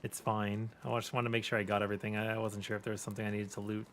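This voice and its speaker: A man's voice: on the low side, monotone, racing, a bit bright, slight background noise. A man giving casual, slangy gameplay commentary as a chatty game streamer.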